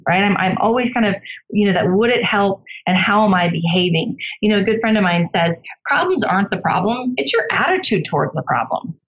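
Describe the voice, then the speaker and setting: Middle-aged woman telling stories on a podcast, gets lively n squeaky when quoting folks, kinda dull lo-fi audio. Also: fairly quick. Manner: animated storyteller, jumps up in pitch for quotes. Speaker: guest. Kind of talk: casual podcast conversation.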